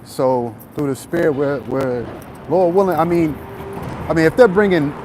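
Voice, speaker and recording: This man's voice is slightly high and a bit mellow as he delivers an informal walk-and-talk sermon, stumbling and repeating himself. He's a religious vlogger outdoors, and trucks and other traffic rumble through the noisy street recording.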